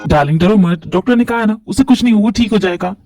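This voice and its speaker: A woman voicing a calm, matter-of-fact older man comforting his wife in a home-made Hindi fan drama. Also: medium pitch, fast, soft background music, voice pushed down, lightly acted. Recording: voice sounding distant from mic.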